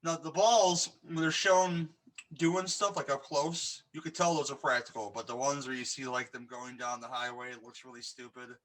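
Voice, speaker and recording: Male podcast co-host, mid-pitched, bright and forceful tone, rambling enthusiasm, loose casual chat. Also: steady tone, normal speed. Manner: rambling and enthusiastic, many restarts. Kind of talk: casual podcast chat about horror films.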